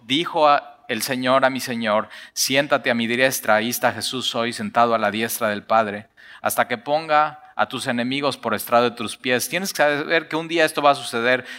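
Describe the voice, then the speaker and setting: A man's voice: mid-range voice, normal speed, pushed and bright, in a large hall. A male pastor preaching a sermon, earnest and emphatic.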